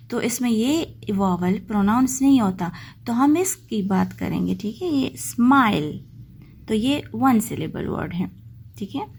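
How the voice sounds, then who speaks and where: A woman teaching a textbook lesson, reading English lines slowly and then explaining them patiently. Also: fairly high pitch, darkish tone, slight background noise. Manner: patient, checks in with "okay" often.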